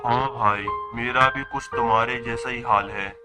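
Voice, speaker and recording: A man's voice: mid-range voice, fairly even intonation, moderate pace, music in the background, lightly acted. A man voicing a frightened villager farmer who panics and cries out in alarm, in a cartoon story. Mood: worried.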